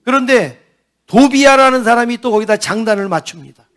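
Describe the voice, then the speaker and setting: A man's voice: very high voice, fairly quick, a bit bright. A man preaching a sermon as a pastor, asking the congregation questions as he goes. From South Korea.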